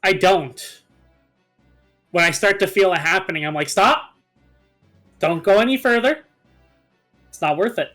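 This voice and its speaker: A man with a high, sharp voice speaks at a measured pace with long pauses, soft music playing behind him. He's co-hosting a gaming video and chatting casually with friends, describing things with colorful exaggeration.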